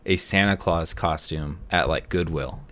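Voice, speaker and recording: Low-voiced man telling a rambling story. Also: unhurried, a bit bright. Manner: rambling storyteller, many fillers and laughs. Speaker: podcast co-host. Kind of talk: casual chat.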